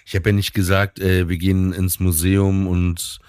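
A young man co-hosting a relaxed bedtime chat, rambling and hesitant as he searches for words. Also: sits low, moderate pace, clean tone, dry recording, clean studio sound. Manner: rambling, hesitant, many ums and restarts. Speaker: podcast co-host.

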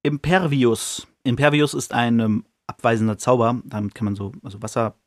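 A man's voice: mid-range voice, a little fast, no room sound, clean studio sound. A man hosting a podcast, casually retelling a book chapter in a loose, slangy way with plenty of fillers. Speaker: podcast host.

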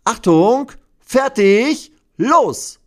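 A man voicing a bold, cheerful young girl who leads chants, shrill and shouting like a cheerleader. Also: big pitch swings, normal speed. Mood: eager.

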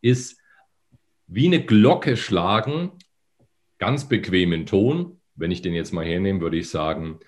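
A male voice coach with a fairly low voice that is still a bit phlegmy from the morning. He explains patiently and breaks into hummed syllables and drawn-out sung lines to demonstrate. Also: animated, a little mellow. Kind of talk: demonstrating voice exercises in a podcast.

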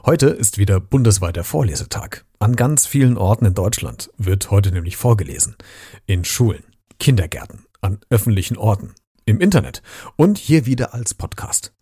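Husky-voiced man reading aloud. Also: on the low side, big pitch swings, normal speed, warm tone, no room sound, studio quality. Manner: friendly, addresses children directly. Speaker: podcast host. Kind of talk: reading a children's book aloud.

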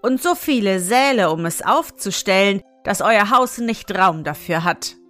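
Frau als treuer, listiger Diener. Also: female voice, mid-range voice, expressive, a little slow, a bit bright, soft background music. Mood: persuasive. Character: loyal, shrewd old servant.

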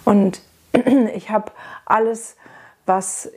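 A woman with a slightly husky, breathy voice talks through her experiences as a child therapist. Her pitch sits in a middle range. She speaks in an earnest, reflective and frank way and talks straight to the listener as if across a table. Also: fairly even intonation, very slow, a little mellow. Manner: conversational, addresses listener directly. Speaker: child and adolescent psychotherapist. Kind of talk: personal storytelling talk.

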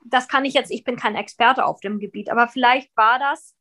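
A woman's voice: fairly high pitch, a little fast, pushed and bright. A woman guest talking casually over a video call, chatty with frequent restarts. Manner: chatty, many restarts and fillers. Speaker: guest, flower school founder.

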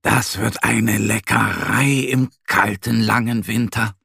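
A man's voice: on the low side, fairly even intonation, slow, gravelly, bright, forceful tone, slightly rough, no room sound, studio quality, exaggerated voice. A man voicing a pleased bear mother in a children's story. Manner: dreamy, pleased. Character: warm bear mother, delighted.

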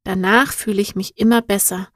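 A woman's voice: medium pitch, fairly even intonation, fairly quick, no echo, clean studio sound, close to an everyday voice. A woman voicing a thoughtful young girl in a storybook, speaking in an earnest, searching, heartfelt way. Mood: earnest, wistful.

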